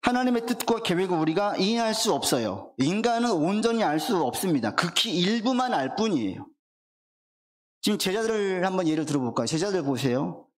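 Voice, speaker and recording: A male pastor delivering a Sunday sermon in a church, his somewhat high voice rising and falling in wide, animated swings. He keeps putting questions to the congregation and answering them himself, and he slows down to read scripture aloud. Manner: reads scripture aloud slowly. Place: church sanctuary.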